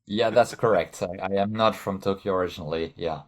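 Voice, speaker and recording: Low-voiced man with a French accent. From France. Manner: halting, repeats words while thinking. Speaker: guest. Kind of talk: casual interview chat.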